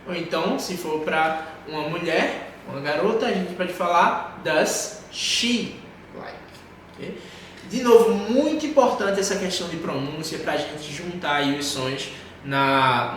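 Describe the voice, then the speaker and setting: A man's voice: high-pitched, a bit bright, slight background noise. A man teaching an English class, patiently repeating and drilling pronunciation. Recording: very echoey room.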